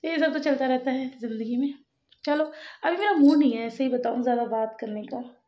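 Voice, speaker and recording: An Indian mother chatting casually to her viewers in a home vlog, talking freely and laughing often, dropping soft and low when she turns reflective. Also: a little fast, lo-fi sound. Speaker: family vlogger, mother.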